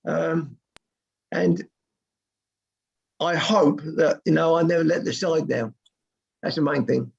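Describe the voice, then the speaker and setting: An older man with a hoarse voice that is giving out, chatting casually as a guest. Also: a little high, slow pace, pauses often. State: hoarse, losing his voice. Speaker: guest, football goalkeeping coach. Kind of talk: casual chat. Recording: dull, muffled call audio.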